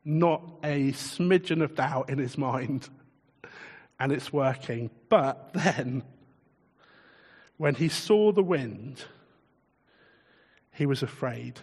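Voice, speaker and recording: Slow, chuckling male preacher in a hall. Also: mid-range voice, darkish tone, breathy edge. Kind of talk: sermon with audience questions.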